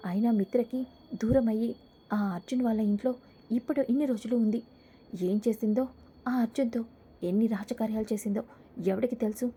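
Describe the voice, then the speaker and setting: A woman's voice: a little high, steady tone, a little fast, long pauses, warm tone, breathy edge. Devayani, a woman reading a scheming schemer. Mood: scornful. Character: scheming spiteful woman, scornful. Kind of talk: serial episode recap read aloud.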